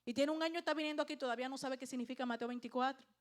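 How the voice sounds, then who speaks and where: A woman's voice: sits high, rapid-fire. A middle-aged woman pastor, preaching a sermon and firing questions at her congregation.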